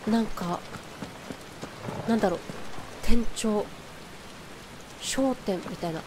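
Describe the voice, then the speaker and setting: Female game streamer, excitable and chatty, home recording with background noise. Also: medium pitch, slow pace. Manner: excited shouting during boss fight; apologetic, chatty between fights. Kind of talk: live let's-play chat.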